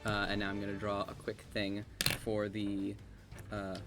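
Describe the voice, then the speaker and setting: A man's voice: lowish voice, monotone, a little slow, music in the background. A man running a tabletop game as dungeon master, talking casually with hesitant, stumbling restarts over an online call.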